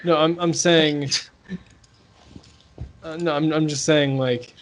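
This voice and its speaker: A man's voice: steady tone, takes it slowly. Tired, hesitant young man. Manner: hesitant, stumbling, low-key. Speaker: podcast co-host. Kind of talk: casual chat.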